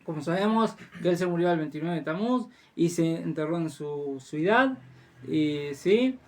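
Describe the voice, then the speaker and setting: Halting rabbi telling a story. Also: male voice, a little high, expressive, darkish tone. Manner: halting, with frequent restarts and fillers. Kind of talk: religious storytelling lesson.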